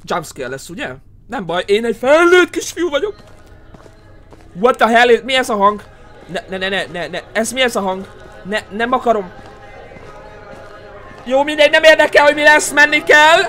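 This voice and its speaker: A man with a Hungarian accent giving horror game commentary, yelling in panic at the scares and muttering low between them. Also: expressive, pauses often, soft background music. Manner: screams and yells in panic at scares, then drops to low muttering. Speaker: gaming streamer.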